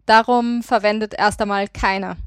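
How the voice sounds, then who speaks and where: A woman's voice: mid-range voice, steady tone, a little slow, smooth, no room sound, studio quality. A woman of twenty-nine from Austria co-hosting a podcast, moderating in a friendly way and putting questions to the others. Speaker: podcast co-host. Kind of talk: podcast discussion.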